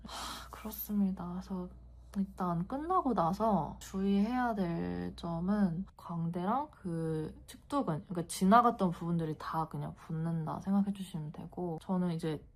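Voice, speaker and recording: A woman's voice: on the low side, normal speed. A young woman talking to camera in a casual vlog, telling her story with emotion and candor, acting out sounds as she goes. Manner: emotional, candid storytelling with vivid sound words. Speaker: beauty vlogger.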